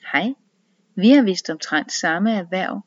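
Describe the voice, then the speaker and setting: A woman's voice: fairly low pitch, expressive, muffled recording. A woman reading the lines of a flirtatious woman dressed as a bumblebee, forward and teasing. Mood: flirty.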